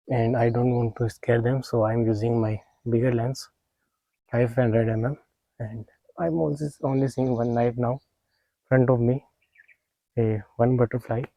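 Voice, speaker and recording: A man narrating a casual outdoor wildlife vlog in a halting, unhurried, understated way. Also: mid-range voice, warm tone, no room sound, low-quality recording. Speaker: wildlife photographer vlogger. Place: outdoors in nature, close dry sound.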